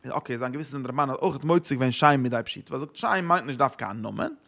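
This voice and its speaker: A man's voice: mid-range voice, quick pace, vocal fry, a bit bright. A man giving a Torah lecture, asking rhetorical questions and answering them, with English words mixed in.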